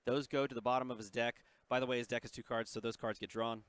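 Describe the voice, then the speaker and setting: A man doing play-by-play commentary on a card game tournament, calling plays in quick excited bursts from a booth headset. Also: mid-range voice, dry recording.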